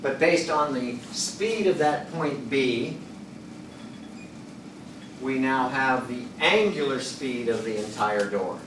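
A man in his sixties giving a chalkboard lecture, working through equations and thinking out loud, hesitating and correcting himself. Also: medium pitch, expressive, slow. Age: 60s. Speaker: engineering lecturer. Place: classroom at a chalkboard. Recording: roomy classroom, distant mic, background noise.

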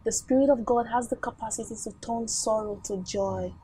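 A woman's voice: a little high, brisk, warm tone, a little hiss or hum. A Nigerian woman hosting a church TV interview show, affirming and encouraging her guest. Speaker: TV show host. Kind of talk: studio interview. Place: TV studio. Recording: guitar music behind.

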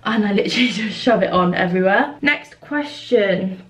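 A woman's voice: medium pitch, expressive, normal speed. A woman, chatting casually at home while doing her makeup, with lots of fillers. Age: 20s. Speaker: vlogger. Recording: roomy sound from a distant mic.

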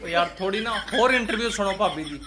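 A man's voice: high-pitched, expressive, fast talker, a crowd in the background. A man with a Punjabi accent giving mocking, sarcastic reaction commentary in colloquial speech. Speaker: host of a roast reaction channel.

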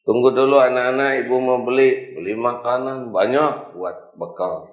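A man's voice: medium pitch, fairly even intonation, normal speed, echoey room, narrow, tinny audio, voice pushed up, close to an everyday voice. A man doing a bustling, eager mother. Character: bustling kind mother buying snacks for children.

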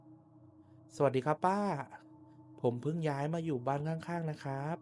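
A man's voice: fairly high pitch, steady tone, unhurried, darkish tone, natural voice. A man voicing a polite, uneasy young tenant who asks questions in a horror story. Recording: noticeable background noise and ambience.

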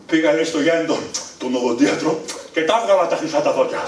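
Middle-aged man, live stand-up storytelling, fairly high voice, echoey room, heard from a distance. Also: slight background noise. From Thessaloniki, Greece. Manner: animated, jumps to high excited pitch for punchlines. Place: live venue on stage.

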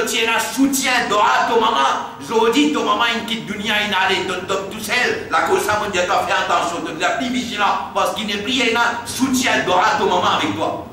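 Mauritian male preacher, high and bright voice, recorded far off in a very echoey hall with faint hiss. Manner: recites Arabic verses quickly, then translates line by line; drops to a hushed, low tone when telling stories. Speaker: Islamic preacher. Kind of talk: sermon explaining Quran verses. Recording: very echoey hall, distant mic, faint noise.

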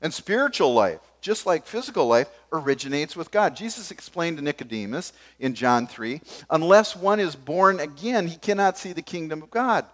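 An older man preaching a sermon from a church pulpit, gesturing as he moves between forceful emphasis and sudden quiet asides. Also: a little high, animated, moderate pace, hardly any pauses. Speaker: pastor. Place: church stage behind a wooden pulpit.

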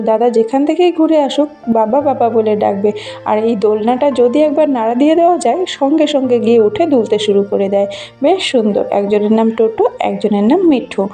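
A Bengali woman in her thirties walks through a rural garden and fields, filming on a handheld phone camera for her casual village vlog. Her fairly high-pitched voice is chatty and gently enthusiastic as she talks to viewers and shows them things.

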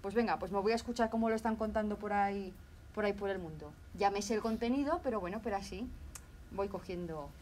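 A woman's voice: mid-range voice, quick pace, darkish tone, a little hiss or hum. A woman from Spain with a Zaragoza accent, a language teacher giving a casual video lesson with many fillers and restarts. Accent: Zaragoza Spanish. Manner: chatty, many fillers and restarts, acts out examples.

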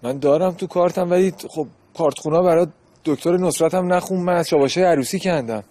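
An actor playing a meek, placating brother-in-law. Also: male voice, fairly high pitch, dark tone, close to an everyday voice. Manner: pleading, placating. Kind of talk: TV sitcom acting.

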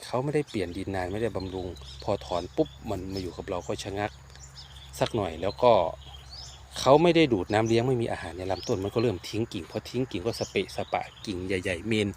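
A man's voice: fairly low pitch, fast talker, a little mellow, slight background noise. A man casually walking through his garden, explaining plant care step by step and often repeating his words. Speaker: garden owner and plant grower. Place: outdoor rural garden.

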